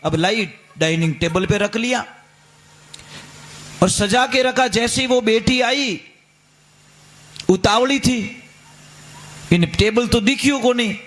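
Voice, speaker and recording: A man's voice: very high-pitched, takes it slowly, long pauses, fairly bright tone. A man, a spiritual preacher giving a storytelling sermon and animatedly acting out the characters.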